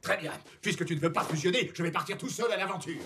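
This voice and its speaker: A cocky, sarcastic superhero puppet. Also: male voice, high voice, quick pace, fairly bright tone, slight background noise. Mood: huffy. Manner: sarcastic, wheedling, impatient. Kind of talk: French cartoon dub.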